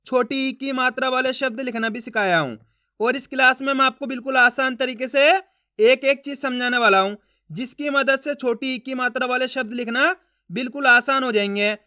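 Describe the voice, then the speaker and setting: A man teaching Hindi reading online, sounding out syllables slowly one by one and checking with viewers that it is clear. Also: extremely high pitch, bright, forceful tone, no echo, studio quality. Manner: slow, drawn-out syllable-by-syllable pronunciation drills; addresses viewers as friends, asks if it's clear.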